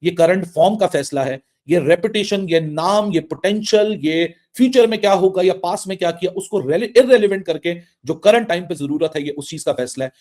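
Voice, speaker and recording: A man's voice: sits high, a little fast, hardly any pauses, a little mellow. A male cricket pundit from Pakistan delivers his analysis insistently in a slightly raised voice. He stacks point upon point to drive his verdict home. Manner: insistent, building lists for emphasis. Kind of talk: emphatic analysis.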